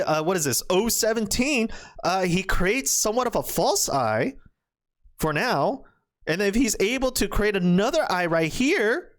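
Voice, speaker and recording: A man with a high voice commentates a Go match move by move. He thinks aloud and reaches for words with plenty of fillers. He keeps bursting into excited reactions. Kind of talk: game commentary.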